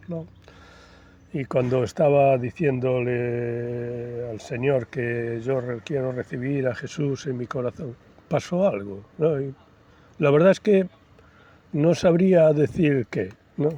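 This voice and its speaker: A man, giving a personal testimony in church in a conversational, storytelling way that turns soft and reflective. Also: medium pitch, lo-fi sound. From Galicia, Spain. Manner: conversational storytelling with frequent tag questions; grows softer and reflective.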